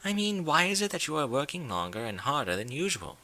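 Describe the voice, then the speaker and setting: In a story reading, a man voices a refined young female pony from a cartoon world, using genteel, theatrical diction that gently prods. His pitch is pushed up fairly high, and his sing-song delivery moves briskly. The mood is concerned and careful.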